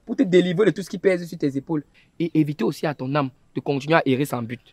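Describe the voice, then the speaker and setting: Man as a pompous self-appointed family chief, quick sermonizing delivery, dry sound. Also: on the high side, darkish tone, no echo. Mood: preachy. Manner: preachy, sermonizing, keeps adding "hein?". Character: self-important young man posing as family head. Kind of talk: web series drama acting.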